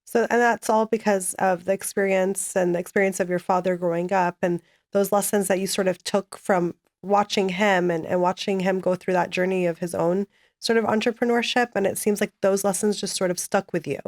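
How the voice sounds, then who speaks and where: A woman's voice: medium pitch, fairly even intonation, a little fast. A woman hosting a podcast interview, asking questions in an encouraging, conversational way. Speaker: podcast host. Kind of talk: interviewing a guest.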